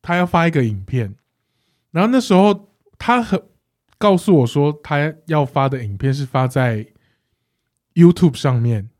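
A man, co-hosting a casual chat and telling a story in an animated way, laughing often. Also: a little high, measured pace, long pauses. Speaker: podcast co-host.

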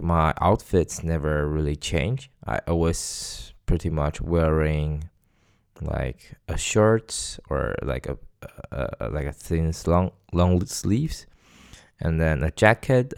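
Young man, thick foreign accent, non-native English, casual podcast monologue, halting delivery, clean smooth tone, dry close sound. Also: deep voice, warm tone, no echo. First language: not English. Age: young adult. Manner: halting, searching for words. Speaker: podcast host.

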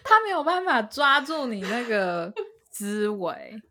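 A woman's voice: on the high side, very animated, measured pace, bright, forceful tone. A woman hosting a podcast, chatting expressively and laughing easily. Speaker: podcast host. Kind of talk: casual chat.

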